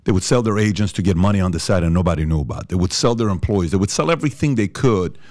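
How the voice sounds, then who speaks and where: A man's voice: low-pitched, expressive, racing, darkish tone, no echo, clean studio sound. A man from Iran hosting a podcast, giving his opinions emphatically and proudly, speeding up when riled.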